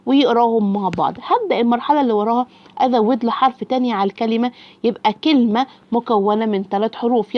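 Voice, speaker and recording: A young woman with an Egyptian accent teaching Arabic reading, drawing out letter sounds slowly and praising the child. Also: a little high, no room sound, lo-fi sound. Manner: slow, drawn-out letter sounds when modeling.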